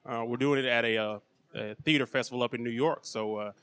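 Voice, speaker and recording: A man being interviewed as an actor, speaking casually in a measured, earnest way. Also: mid-range voice, steady tone, a bit bright, smooth, no room sound. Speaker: actor interviewed at a film premiere. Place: film premiere red carpet.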